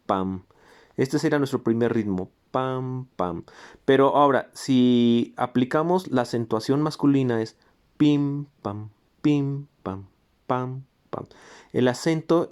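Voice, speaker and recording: A man gives a music theory lesson in a steady, explanatory way. He points to examples as he goes and sings short rhythm syllables to show the accents. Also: mid-range voice. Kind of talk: recorded lecture.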